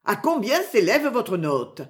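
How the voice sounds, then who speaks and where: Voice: medium pitch, big pitch swings, slow. A reader voicing an angry, blustering middle-aged tinker who has been robbed, in an audiobook. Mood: indignant. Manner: loud, blustering, complaining. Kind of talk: audiobook character voice.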